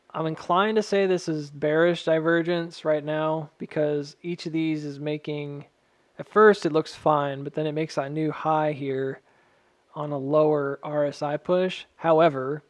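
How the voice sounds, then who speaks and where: A man with a slightly high voice talks through technical analysis casually, as if thinking aloud. His s sounds carry a faint whistle, and his delivery is measured and careful, qualifying points as he goes. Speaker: stock chart analyst addressing viewers. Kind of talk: casual technical chart commentary.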